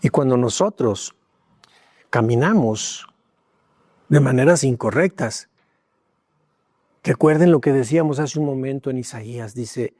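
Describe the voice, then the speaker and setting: A man's voice: medium pitch, no room sound. Emotional preacher man, dry close sound. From Mexico. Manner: emotional storytelling preacher, shifts from loud to hushed. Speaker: pastor. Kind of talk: sermon with personal story. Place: church.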